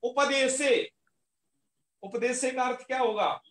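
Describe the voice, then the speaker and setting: A man teaching an online class in a high, bright voice. He explains patiently, repeating each key term and posing questions he then answers. The sound carries a noticeable room echo. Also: slow pace. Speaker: Sanskrit grammar teacher.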